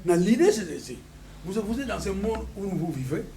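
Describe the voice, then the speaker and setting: Un pasteur originaire du Congo, avec un congolais, prêche avec emphase dans une salle d'église et lance des alléluias à l'assemblée. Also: male voice, sits high, big pitch swings, normal speed, gravelly, mellow. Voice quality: emphatic, repeats hallelujah to the congregation. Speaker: pastor. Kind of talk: sermon with call-and-response. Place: church hall. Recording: noisy church hall recording.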